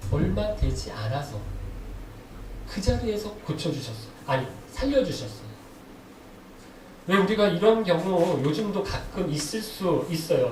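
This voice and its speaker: A man's voice: sits high, a little mellow. A male pastor preaching a sermon who keeps putting questions to his congregation, recorded in a church sanctuary from a distant mic. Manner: asks the congregation frequent questions. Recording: echoey hall, distant mic, faint noise.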